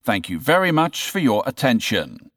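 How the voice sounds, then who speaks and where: A man reading a store announcement in a formal, measured way, spelling out numbers and letters carefully. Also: mid-range voice, big pitch swings, a bit bright, no room sound, studio quality. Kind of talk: store public-address announcement, read for a listening test.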